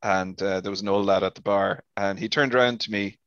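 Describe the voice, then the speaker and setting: An Irish man with a wry, self-deprecating manner, explaining his own slang in a relaxed chat as a guest. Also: on the low side, brisk, clear, resonant tone, no room sound. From Ireland. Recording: dull dry lo-fi audio.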